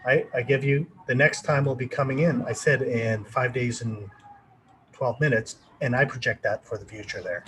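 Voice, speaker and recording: A man's voice: mid-range voice, steady tone, normal speed, fairly bright tone, slight background noise, poor audio. Rambling man teaching trading live. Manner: loose, rambling, thinks aloud with fillers. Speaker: trading educator presenting a webinar. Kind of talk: live webinar teaching with viewer Q&A.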